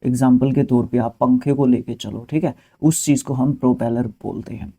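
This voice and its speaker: A man's voice: medium pitch, fairly even intonation, normal speed, gravelly, warm tone, slightly rough. A man with an Indian accent teaching an English vocabulary and spelling lesson. He speaks to his students directly and patiently, in a conversational way with many fillers and asides.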